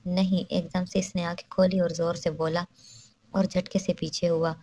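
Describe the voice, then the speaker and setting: A woman's voice: fairly low pitch, flat delivery, mellow. A woman narrating a romance novel aloud, reading every character in her own voice with little change. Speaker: novel reader.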